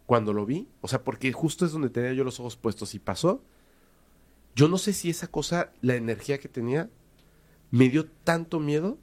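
Mexican man, casual animated storyteller, hesitant, repeats himself for emphasis. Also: on the high side. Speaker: guest telling a story.

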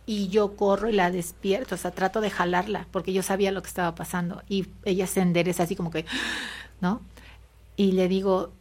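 A woman's voice: medium pitch, flat delivery, brisk, darkish tone. A Mexican woman telling a personal story in an interview, hesitant and full of fillers and tag questions. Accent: Mexican Spanish. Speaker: interview guest.

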